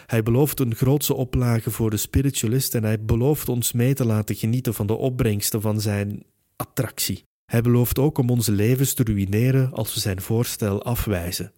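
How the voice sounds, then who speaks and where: A male narrator voicing a weary, sober middle-aged newspaper editor with a flat, matter-of-fact delivery. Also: mid-range voice, moderate pace, lightly acted.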